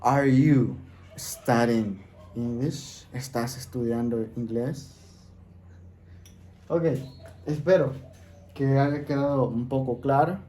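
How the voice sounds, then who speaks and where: A man teaching an English class, explaining each step slowly and patiently and checking in with his students. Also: mid-range voice, dark tone. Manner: patient, repeats steps, checks in with "¿ok?". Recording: echoey room, faint background noise.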